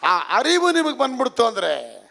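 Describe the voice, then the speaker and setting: A man's voice: extremely high pitch, wildly swooping pitch, normal speed, vocal fry, pushed and bright. A man preaching a charismatic sermon to a congregation, emphatic and full of rhetorical questions, slipping English phrases in.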